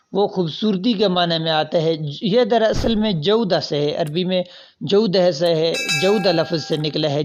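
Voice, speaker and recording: A man with a fairly high voice works through past exam questions, reading out every option before he explains the right answer. His explanations are patient and step by step. The recording sounds dull and lo-fi. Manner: reads out options, then explains each answer. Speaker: teacher.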